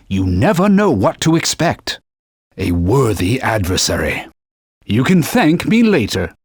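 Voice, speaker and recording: For game voice clips, a man gives a heavily acted performance as a talking holy sword, a stern old knightly mentor who speaks formally and barks urgent warnings. His mid-range voice is husky, formal and commanding. It's a dry studio-mic recording with no echo.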